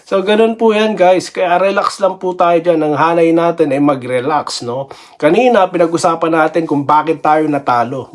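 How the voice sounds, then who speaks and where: This is a man hosting a casual basketball vlog, his voice sitting a little high for a man. He rambles in a friendly way, laughs often and keeps tossing little tag questions at his viewers. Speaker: basketball vlogger. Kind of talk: casual sports commentary vlog.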